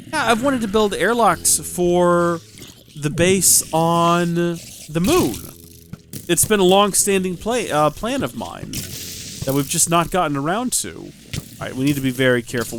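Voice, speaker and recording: A young man hosting a Minecraft let's play, thinking aloud and asking question after question in amazed, animated commentary. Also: on the high side, a little hiss or hum. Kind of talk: excited gameplay commentary.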